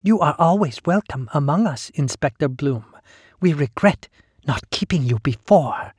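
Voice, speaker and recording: A man doing a high oily hive-monster woman. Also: lively intonation, moderate pace, darkish tone, breathy edge, no room sound, clean studio sound. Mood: coaxing. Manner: oily, taunting, zealous. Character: hissing female hive-monster, body fused into flesh.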